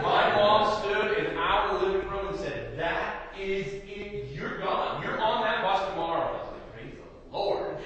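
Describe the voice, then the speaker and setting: A man from Appalachia preaches a sermon to a church group in a big, booming voice that sits high for a man. He is recorded from far off with no microphone, so the big hall's long echo and a faint hum of the room trail every phrase. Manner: big loud voice; jokey, self-mocking asides. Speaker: guest preacher and youth speaker. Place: church hall, large room. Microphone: no microphone, picked up from a distance. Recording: echoey hall from far off.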